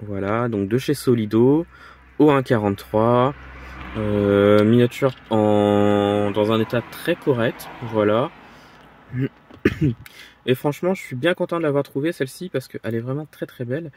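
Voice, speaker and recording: A man vlogging about his flea market finds in a halting, casual way, full of fillers and repeated words. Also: mid-range voice, a little mellow, a little hiss or hum. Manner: halting, filler-heavy, repeats "très, très" and "voilà". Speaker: vlogger showing model car finds. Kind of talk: casual vlog commentary. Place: flea markets and indoors at home.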